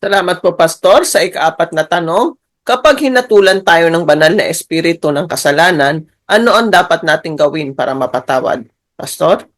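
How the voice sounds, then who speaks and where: A man's voice: fairly high pitch, expressive, moderate pace, fairly bright tone. A man moderating a Bible lesson, politely reading out study questions and handing them to the pastor.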